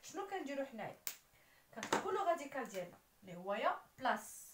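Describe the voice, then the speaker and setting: A woman's voice: high voice, big pitch swings, racing, heavy background noise. A woman with a Moroccan accent explaining French grammar as a teacher, spelling out letters and verb endings. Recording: roomy echo, voice somewhat far from the mic.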